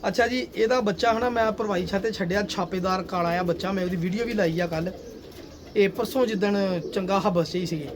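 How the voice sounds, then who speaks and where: A high-voiced man chats to his viewers about his pigeons, boasting and calling them brother. Soft pigeon coos and outdoor air sit faintly behind him. The talk rambles along in a warm, familiar way. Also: brisk, noisy background. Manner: chatty and boastful, often addressing viewers as brothers and sir. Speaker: pigeon keeper showing his birds. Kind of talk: casual vlog talk to viewers. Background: pigeons cooing.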